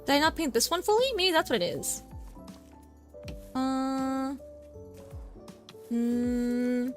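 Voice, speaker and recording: A woman VTuber chats casually while playing a game on stream, flustered and talkative, tacking a cutesy "nya" onto her lines. Her voice sits high and her pace is slow, with faint music in the background.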